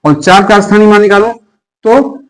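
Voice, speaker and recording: A man's voice: high voice, moderate pace, a bit bright, low-quality recording. A male math teacher gives a classroom lesson, asking the class questions and answering them himself, with English number words mixed in.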